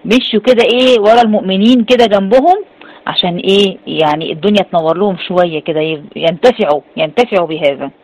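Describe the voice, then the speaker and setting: A woman with an Egyptian Arabic accent giving a lively religious lecture as a Quran exegesis teacher. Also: medium pitch, fast, low-quality recording. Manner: animated, acts out quoted speakers.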